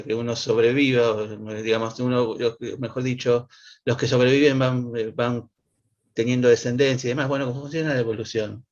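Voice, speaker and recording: A man, speaking as an interview guest and explaining his ideas casually, thinking aloud as he goes. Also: mid-range voice. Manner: thinks aloud, with restarts and fillers. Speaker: guest, mathematician and philosopher. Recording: lo-fi, dull audio.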